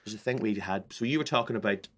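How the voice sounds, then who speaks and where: A man co-hosting a comedy podcast, telling stories in an animated, sweary way. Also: lowish voice, fast. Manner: animated storyteller, swears freely, drops into silly voices. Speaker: podcast co-host. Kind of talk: casual comedic chat.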